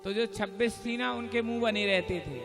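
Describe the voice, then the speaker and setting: Male preacher, folksy storyteller, very high voice, live music under a reverberant hall sound. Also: normal speed, creaky. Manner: call-and-response, rhetorical questions, folksy storytelling. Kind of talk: devotional storytelling discourse.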